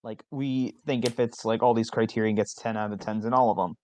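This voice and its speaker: A man's voice: fairly low pitch, steady tone, fairly quick, a little mellow, slight background noise. A man hosting a live fan fiction reading contest, casual and joking, swearing freely.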